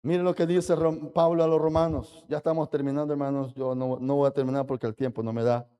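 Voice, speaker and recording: A man's voice: on the high side, little pitch movement, fast, warm tone, smooth, highs cut off. A man preaching a fervent sermon as pastor, often turning to the congregation with direct questions and acting out the boasts of proud believers.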